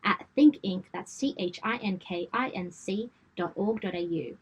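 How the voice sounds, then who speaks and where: A woman's voice: medium pitch, normal speed, husky. Candid young woman with a western Sydney accent. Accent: western Sydney Australian. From Australia. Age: late 20s. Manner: candid, informal. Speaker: interview guest, event company founder. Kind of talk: conversational interview.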